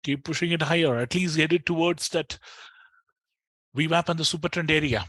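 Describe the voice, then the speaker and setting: A man's voice: on the high side, a little fast, a bit bright, dry recording. A man with an Indian accent giving live trading commentary as a streamer, talking conversationally and straight to his viewers.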